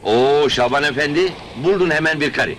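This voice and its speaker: A man's voice: on the high side, moderate pace, a bit bright, a little hiss or hum, close to an everyday voice. An actor playing a sly middleman who speaks broken Turkish with odd grammar and chuckles, in a film comedy. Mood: scheming. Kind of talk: 1980s film comedy acting.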